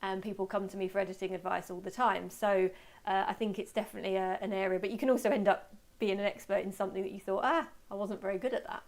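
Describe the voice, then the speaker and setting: A British woman teaches a casual online webinar in a medium-pitched voice. She is chatty and self-deprecating, and her voice is slightly hoarse, as if starting to give out. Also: little pitch movement, fast talker, darkish tone. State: voice giving out, slightly hoarse after a workshop. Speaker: webinar host and photography teacher.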